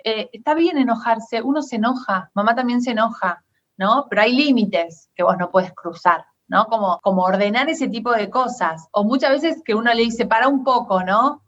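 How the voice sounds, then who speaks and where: A woman's voice: a little high, moderate pace, lo-fi sound. A woman with a Rioplatense Spanish accent, a guest on a podcast, explaining things in casual conversation and often tagging her sentences with questions. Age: adult parent. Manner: explanatory, frequent tag questions.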